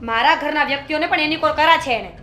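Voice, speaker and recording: An actress playing a sharp-tongued young sister-in-law who retorts indignantly. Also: female voice, high voice, fast, reverberant. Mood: complaining.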